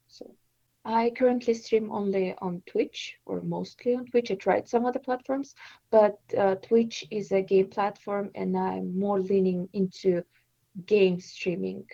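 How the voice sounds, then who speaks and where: Hesitant and full of fillers and restarts, this Estonian streamer in her twenties, whose native language is Russian, is an interview guest. She has a gravelly, warm, mid-range voice, captured with no room sound and the highs cut off.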